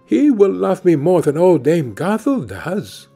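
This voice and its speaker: A man voicing a gentle, trusting young maiden in a storybook, with an earnest, guileless manner. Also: sits high, sing-song, measured pace, gravelly, husky, faint music behind, voice pushed up, exaggerated voice. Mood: hopeful. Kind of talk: storybook character voice.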